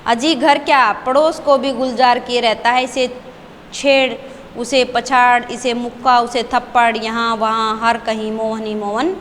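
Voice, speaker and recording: A woman's voice: a little high, little pitch movement, a little slow, fairly bright tone, long reverb tail, slight background noise. A woman teacher reading the part of a talkative older male neighbour who reassures the family. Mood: chatty. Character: chatty neighbour shopkeeper, older man.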